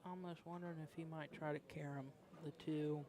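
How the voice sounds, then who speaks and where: Man, fairly high pitch, casual co-commentator, folksy phrasing, busy pool hall crowd in background. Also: steady tone, brisk. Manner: folksy, colloquial.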